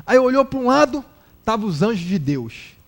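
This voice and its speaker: A man with a Brazilian accent giving a public lecture at a spiritist center, an animated storyteller who acts out the characters. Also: extremely high pitch, normal speed. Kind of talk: public lecture with humorous anecdotes.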